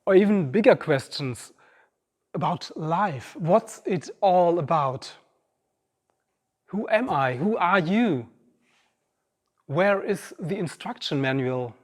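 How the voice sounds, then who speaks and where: Slow and expressive, this high-pitched man in his 50s leaves long pauses as he shares a personal, reflective inspirational talk with his audience. He's speaking from a large auditorium stage, recorded with a long hall reverb.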